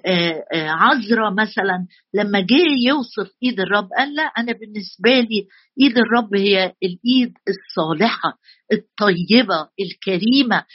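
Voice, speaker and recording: A woman's voice: on the high side, slightly rough, no room sound, lo-fi sound. A woman with an Egyptian accent preaching a sermon, driving her points home by repeating phrases again and again. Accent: Egyptian Arabic. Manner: emphatic, repeats key phrases over and over.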